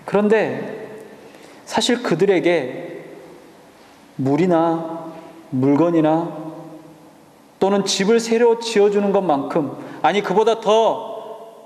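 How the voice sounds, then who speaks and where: A male pastor delivers an emphatic sermon in a high, light voice and keeps turning to the congregation with rhetorical questions. His words ring out in a roomy church sanctuary with a long reverb. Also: a little mellow. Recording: echoey church hall reverb.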